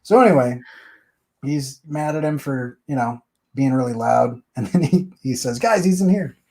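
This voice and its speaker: A man's voice: medium pitch, normal speed, a little mellow. A man hosting a comic book review, chatting casually and rambling as he walks through the story page by page. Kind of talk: casual chat.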